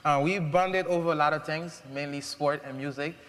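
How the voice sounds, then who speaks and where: Speaking earnestly as a mentee on a panel, this young adult man from Haiti delivers a prepared speech full of ums and uhs. He has a fairly high, slightly bright voice with fairly even intonation at a normal speed, and the large event hall adds long reverb.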